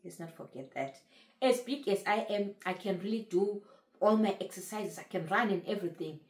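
A woman in her late thirties with a low, gravelly voice speaks earnestly to camera. She drives points home by repeating phrases. Her voice rings in a roomy, echoey space. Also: darkish tone. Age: 30s. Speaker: vlogger sharing her weight-loss journey. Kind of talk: casual talk to camera.

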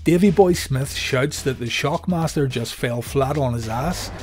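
A man giving scripted documentary narration in a steady storytelling delivery. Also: mid-range voice, a little slow, soft background music.

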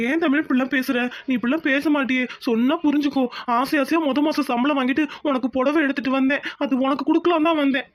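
A woman's voice: high-pitched, steady tone, quick pace, hardly any pauses, close to an everyday voice. A woman voicing a young village husband who pleads earnestly with his wife and coaxes her. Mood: pleading. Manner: pleading, coaxing.

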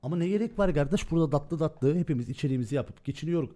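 A man's voice: fairly high pitch, lively intonation, rapid-fire, warm tone. A man streaming and talking casually, ranting in an agitated way and swearing as he goes. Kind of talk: heated casual stream talk.

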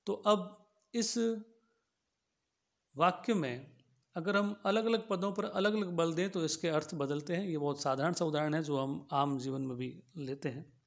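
Higher-voiced man teaching logic. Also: creaky. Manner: explains slowly, repeats and rephrases each point with simple examples. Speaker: philosophy teacher. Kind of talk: lecture on logic.

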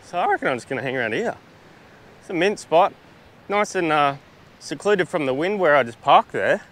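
A man's voice: fairly high pitch, sing-song, a little fast, a bit bright. An Australian man chatting casually through a travel vlog on a beach, laid-back, with lots of fillers and restarts, recorded outdoors on a small camera-mounted mic. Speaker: travel vlogger.

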